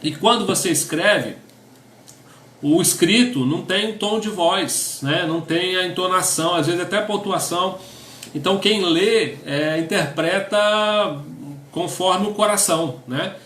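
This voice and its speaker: Preaching to couples in a relaxed, conversational way, this middle-aged Brazilian man speaks with a Brazilian Portuguese accent in a high, slightly bright voice at a measured pace. There's a roomy sound and slight background noise. He tacks "né?" onto his sentences and reads out definitions.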